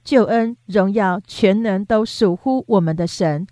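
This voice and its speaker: A woman reading scripture aloud in a steady, measured, unhurried way. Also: medium pitch, dry recording. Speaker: scripture reader.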